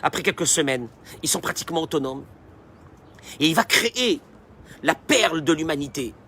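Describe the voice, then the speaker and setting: A man giving a sermon as a rabbi, animated and emphatic and speaking straight to his listeners. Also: a little high, normal speed, husky.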